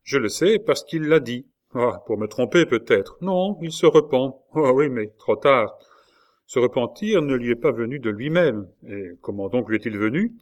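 A man's voice: medium pitch, expressive, moderate pace, close to an everyday voice. A man reading the part of a young woman, the jailer's daughter, in an audiobook, in an earnest and reassuring manner.

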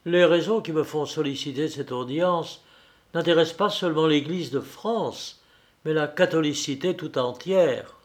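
A man's voice: on the high side, a little slow, close to an everyday voice. A man reading aloud and voicing a stubborn, earnest country priest in a raised, insistent voice.

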